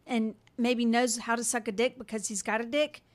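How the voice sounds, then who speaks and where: A woman's voice: fairly high pitch, flat delivery, normal speed. A middle-aged woman hosting a casual podcast chat, candid and laughing, sometimes losing her thread mid-question. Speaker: podcast host.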